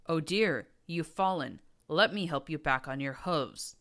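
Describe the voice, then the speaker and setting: A woman with a low, fairly bright voice and measured pace plays a pompous, deranged undead pony prince. She has him hiss with false, mock-gentle politeness before he erupts into screams.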